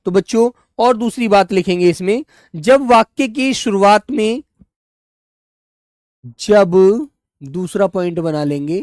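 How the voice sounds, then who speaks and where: Patient woman teaching children slowly. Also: mid-range voice, dry recording, clean studio sound. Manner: patient, stretches words slowly while writing; calls students "children" and "dear children" warmly. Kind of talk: live online class for children.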